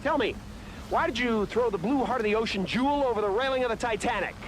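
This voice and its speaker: A man's voice: very high-pitched, a little hiss or hum, poor audio. An actor playing a resentful male TV reporter, sarcastic and bitter, live on location. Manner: bitter, sarcastic, builds to shouting. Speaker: field news reporter. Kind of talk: film comedy acting.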